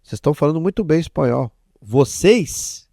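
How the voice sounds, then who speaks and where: A man's voice: on the high side, animated, moderate pace, gravelly, dark tone, dry recording, clean studio sound. A Brazilian man, a guest apostle, telling a testimony animatedly and acting out the dialogue. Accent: Brazilian Portuguese. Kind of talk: testimony storytelling.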